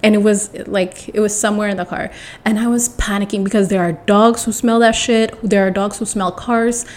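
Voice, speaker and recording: A young woman tells a personal story in a casual storytime monologue, rambling, correcting herself and restarting sentences. She delivers it with dramatic flair and often clears her throat. Her voice is medium-pitched and steady, with a moderate pace and a darkish tone.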